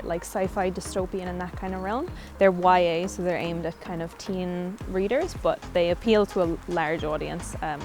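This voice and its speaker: A young adult woman from Galway speaks with a west of Ireland accent in a fairly low voice. She answers interview questions in a casual, thoughtful and chatty way, with music playing behind her. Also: darkish tone. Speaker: interview guest, young author.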